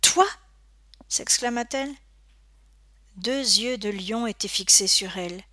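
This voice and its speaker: A woman narrating a children's adventure story aloud, with expressive storytelling that rises for suspense. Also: mid-range voice, measured pace, dry recording. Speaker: audiobook narrator.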